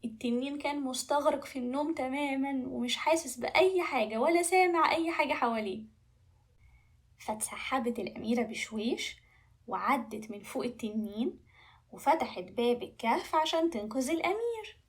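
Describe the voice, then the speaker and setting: A woman with an Egyptian Arabic accent narrating a bedtime story for children in a lively, animated way. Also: sits high, brisk, husky.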